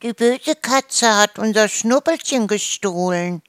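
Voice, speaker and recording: An old mother goose from a children's story frets in a high, whiny squawk as a storyteller puts her on. The lines come slowly and the sound is dry and close. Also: animated, a bit bright, no room sound. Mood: upset. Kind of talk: storybook reading.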